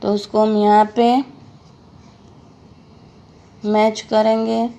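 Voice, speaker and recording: A woman's voice: medium pitch, completely flat delivery, unhurried, creaky, mellow. A woman teacher giving a lesson to young children, spelling words out letter by letter and asking questions she answers herself.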